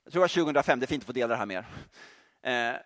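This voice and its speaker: Animated male preacher. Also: medium pitch. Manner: animated, joking, addresses audience directly. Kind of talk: sermon.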